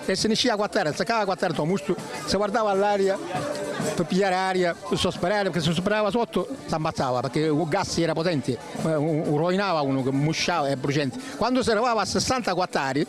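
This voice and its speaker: An older man with a Sicilian accent, explaining traditional work in casual dialect, halting and repeating himself. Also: sits high, music in the background, crowd noise. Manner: halting, repetitive, colloquial explanations. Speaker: traditional winemaker recalling his work.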